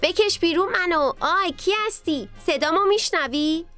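A woman's voice: very high-pitched, a bit bright, soft background music, voice pushed up. A woman voicing a grumpy, impatient potato creature in a children's story, bossy and exasperated. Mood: puzzled.

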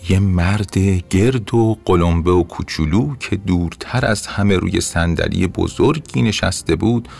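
A man narrating a bedtime story in a gentle, expressive way. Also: low voice, vocal fry. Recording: soft music under narration.

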